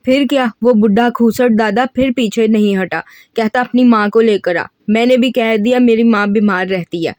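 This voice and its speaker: A woman's voice: a little high, darkish tone, dry recording, studio quality, close to an everyday voice. A woman voicing a cheeky young male student. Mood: scheming. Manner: boastful, joking, rapid storytelling. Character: cheeky 25-year-old male student, mischievous. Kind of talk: audiobook reading of a novel.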